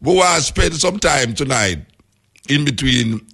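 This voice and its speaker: A man's voice: medium pitch, animated, unhurried, vocal fry, pushed and bright. A man with a Jamaican accent talking in Rasta speech with Patois grammar, explaining things emphatically and repeating key phrases.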